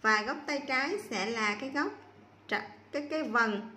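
A woman teacher giving a slow, patient spelling lesson to young children, repeating each sound clearly. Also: on the high side, pushed and bright, reverberant, a little hiss or hum. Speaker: primary school teacher.

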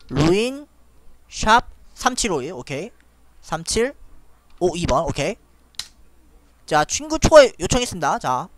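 A man streaming a card game live, thinking aloud about his moves and laughing often as he chats with viewers. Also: fairly high pitch. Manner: chatty, thinks aloud, frequent little laughs. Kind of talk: live gameplay commentary.

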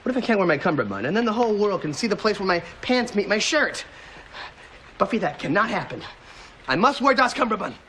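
An actor playing an anxious, goofy young groom-to-be with an American accent, dramatic and slightly whiny, in a television drama-comedy. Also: male voice, high-pitched, very animated, quick pace, sharp tone, slight background noise, exaggerated voice. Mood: panicked.

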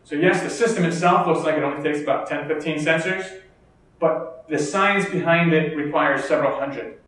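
An American man gives a conference keynote lecture in a slightly high, fairly bright voice at normal speed, explaining steadily with the occasional filler and restart. The lecture hall echoes, and the mic is distant.

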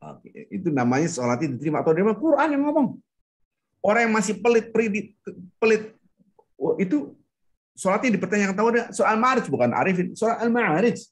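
A man giving a casual, joking Islamic lecture over a video call, acting out the people he quotes. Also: fast talker. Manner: lively, jokey, acts out quoted people with sharp pitch jumps. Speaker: ustadz, religious teacher.

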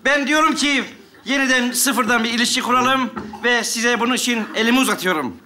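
A man's voice: extremely high pitch, a little fast, bright, forceful tone. A man playing a school principal in a stage comedy sketch, pleading and bossy by turns.

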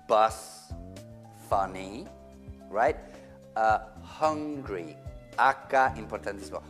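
A man's voice: mid-range voice, big-room sound. A man whose first language is English, teaching pronunciation in Italian in a playful comic style and repeating words with exaggerated care.

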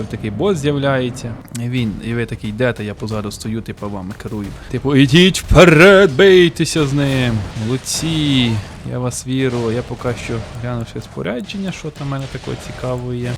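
A man giving playful let's play commentary as a gaming YouTuber, often breaking into excited yelling. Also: medium pitch.

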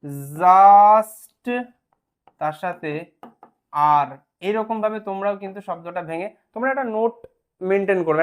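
During an online spelling lesson, a mid-range voice patiently breaks English words into syllables. The teacher checks frequently that the students are following along.

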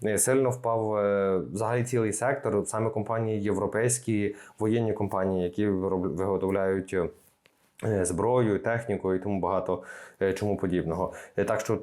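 A man's voice: lowish voice, steady tone, moderate pace, a little mellow. A man who runs an investing channel, talking loosely in a casual to-camera vlog with many fillers. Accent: Ukrainian. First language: Ukrainian. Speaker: investing blogger.

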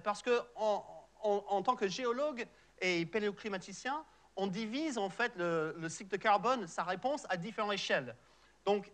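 Speaking to a large auditorium, a middle-aged researcher from Canada presents a popular science lecture in native English with an English-Canadian accent. He is patient but leans on fillers and restarts, and his voice is high and a bit bright.

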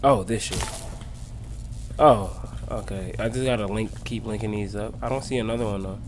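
A man's voice: fairly low pitch, fairly even intonation, moderate pace. A young man, a scared horror game streamer, giving casual, slangy, profane commentary as he plays. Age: young adult. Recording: clear game ambience noise behind.

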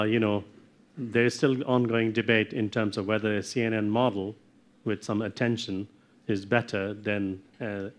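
A middle-aged man giving a technical lecture from slides, often checking in with "okay?" and clearing his throat. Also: medium pitch. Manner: explanatory, checks in with frequent "okay?". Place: darkened lecture room with projector screen.

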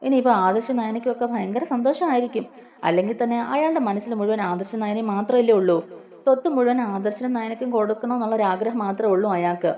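A woman plays a young wife who complains and sneers in a fast, mellow voice. She is plaintive one moment and scheming the next. The delivery is a brisk spoken recap. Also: on the high side, lightly acted. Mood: spiteful. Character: young wife, tearful yet scheming and spiteful.

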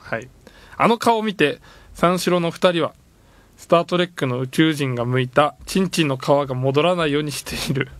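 A man's voice: fairly high pitch, normal speed, fairly bright tone, no room sound. A man hosting a radio show in a studio, chatting casually, joking and complaining playfully with frequent laughs.

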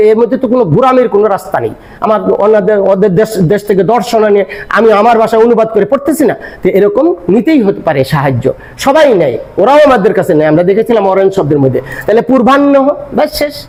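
High-voiced older man teaching grammar. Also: darkish tone. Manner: explanatory, asks and answers his own questions. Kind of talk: classroom-style grammar lesson.

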